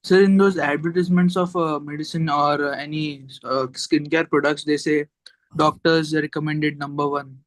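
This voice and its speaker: A man's voice: on the high side, fairly even intonation, moderate pace, no room sound, rough recording. A man speaking deferentially and a little hesitantly as a student in an online class.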